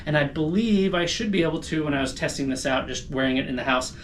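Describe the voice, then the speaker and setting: A man with a slightly high voice speaks in a casual vlog style. He explains things informally as he goes, thinking aloud like someone talking straight to his viewers. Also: fast talker, a little hiss or hum. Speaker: running vlogger. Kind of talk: casual vlog talk to camera.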